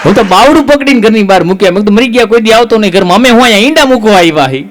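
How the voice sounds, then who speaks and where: A man's voice: sits high, animated, racing, crowd noise, noisy background. A man telling jokes on stage in a live stand-up comedy show, acting out little stories with quoted dialogue.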